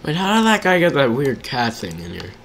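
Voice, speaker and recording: A man of ordinary pitch streaming a video game, talking loosely to his viewers between moments of play. His chat is casual and rambling, and faint keyboard typing runs underneath. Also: huge pitch swings, fairly quick, fairly bright tone, a little hiss or hum. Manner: chatty, talks to viewers between game reactions. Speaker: live streamer. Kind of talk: casual gaming live stream commentary.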